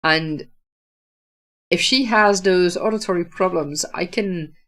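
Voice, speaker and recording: This is a Dutch author from the Netherlands speaking with a Dutch accent as she casually runs a livestream, reflecting on viewer comments amid many fillers and restarts. Her voice is deep with a fairly bright tone.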